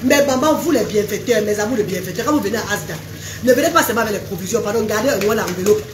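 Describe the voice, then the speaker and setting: A woman chatting on a casual live stream, animated, calling her viewers "maman". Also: mid-range voice, racing. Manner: animated, calls viewers "maman", sings out names. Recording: echoey room with faint background noise.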